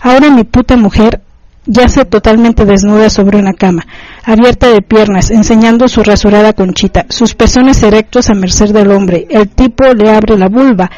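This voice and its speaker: A woman's voice: mid-range voice, moderate pace, warm tone, no echo, dull audio. Dry-voiced woman reading a story. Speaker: narrator. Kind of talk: first-person erotic story reading.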